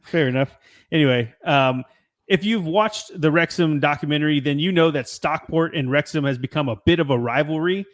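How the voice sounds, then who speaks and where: A young man hosting a soccer podcast in a relaxed, rambling casual chat who laughs easily. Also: on the high side, normal speed. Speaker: podcast host.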